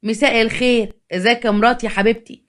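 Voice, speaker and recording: A woman's voice: fairly high pitch, steady tone, racing, a bit bright, close to an everyday voice. Abdo: woman doing two-faced Egyptian husband. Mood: flattering. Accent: Egyptian Arabic.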